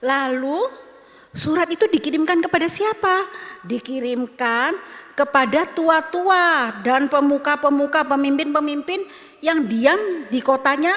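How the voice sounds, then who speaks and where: Sunday school teacher, woman, high voice, animated storytelling to kids, echoey church hall. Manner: animated, asks children questions. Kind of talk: storytelling to children.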